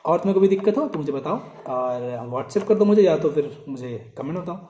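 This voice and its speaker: Young male coaching teacher, brisk and scolding, higher voice with a mellow tone, recorded in an echoey room. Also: animated. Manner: informal, scolding and urging, repeats advice. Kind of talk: motivational study advice to students.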